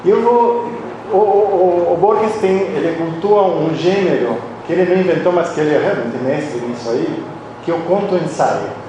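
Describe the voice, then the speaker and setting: A middle-aged man delivers a reflective, confessional philosophy lecture with a slightly high voice. He is caught from well back in a strongly reverberant hall, and a steady background noise sits under his words. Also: moderate pace. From Argentina. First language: Spanish. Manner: reflective and confessional, with frequent restarts. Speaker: conference speaker, philosophy professor. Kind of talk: personal academic lecture. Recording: very echoey hall, voice from a distance, audible background noise.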